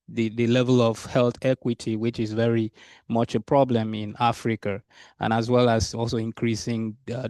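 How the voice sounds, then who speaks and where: A man giving a conference presentation, halting often and circling back over his phrases. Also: mid-range voice, darkish tone, dry recording. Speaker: conference speaker, technical team leader.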